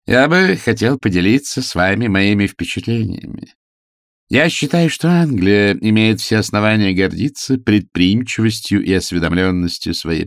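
A man's voice: on the low side, no room sound, studio quality. A man voicing a pompous young male invalid who speaks in a stiff, formal manner. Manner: formal, stilted, condescending.

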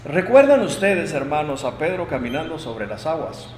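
A high-pitched man preaching in an emphatic sermon style. He swings from loud proclamations to quiet asides. His voice carries a long, echoing reverb from the church hall. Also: very animated, normal speed, a little hiss or hum.

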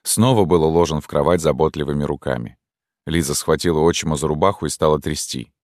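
A man narrating an audiobook in a steady, measured way. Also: extremely low pitch, dry recording, studio quality.

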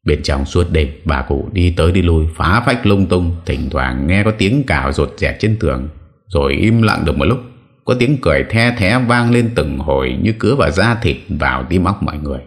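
A man narrating a horror audiobook in a steady, dramatic way. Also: low voice, moderate pace. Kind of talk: scripted horror story narration.

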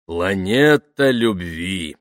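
A man reading an audiobook, playing a vain, theatrical actor who croons his words in a deep baritone. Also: lively intonation, dry recording, clean studio sound, heavily acted. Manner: pompous, drawn-out, crooning.

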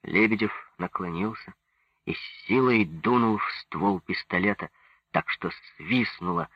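A man narrates a book in a slow, even manner. His voice is husky and on the low side. The recording is dry and dull, as on a lo-fi audiobook. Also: no room sound. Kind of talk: scripted narration.

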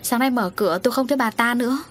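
A woman voicing a middle-aged mother who is shrill and panicking, her voice high and shrieking. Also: rapid-fire, slight background noise, lightly acted. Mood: flustered.

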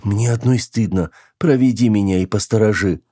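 A man's voice: fairly low pitch, normal speed, dark tone, husky. A man reading an audiobook, voicing a panicked young woman stuck in a man's body, tearful, pleading and close to hysteria. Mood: panicky pleading.

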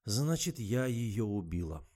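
A man's voice: lowish voice, big pitch swings, measured pace, darkish tone, pitched above the performer's own voice. A man voicing a frightened young woman heroine in an audiobook, talking in a breathless, pleading way. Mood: upset. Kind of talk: audiobook character voice.

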